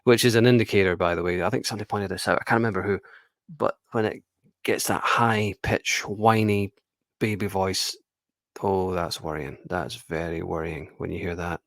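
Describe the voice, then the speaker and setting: A man's voice: low-pitched, steady tone, normal speed, dry recording, clean studio sound. A man giving blunt, casual commentary on a reality show, swearing and laughing now and then.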